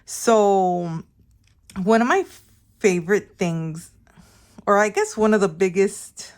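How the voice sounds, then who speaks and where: A middle-aged woman from Miami, Florida, hosts a vlog, chatting casually to viewers in rambling, informal personal storytelling and often interrupting herself. Her voice is medium-pitched, slow, clear, and resonant.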